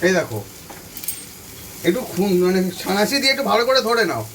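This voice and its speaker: Step by step, with each instruction repeated, a man walks his home cooking channel's viewers through a recipe, addressing them directly from the stove. His high, slightly bright voice moves very fast and sounds distant from the mic. Slight background noise mixes with frying sizzle and stirring.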